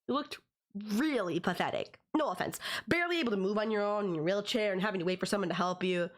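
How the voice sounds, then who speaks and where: In an audio roleplay, a woman plays a possessive young stalker, speaking directly to the listener in a conversational tone that's condescending but affectionate. She sounds smug and teasing, talking fast in a medium-pitched, close-to-everyday voice.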